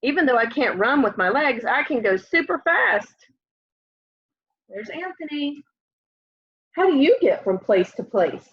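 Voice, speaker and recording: Reading a storybook to an imagined audience of young children, a woman speaks simply and expressively from her home, near a window. Her high, husky voice has a sing-song quality, moving a little slowly with frequent pauses. The audio is slightly dull, typical lo-fi home webcam sound.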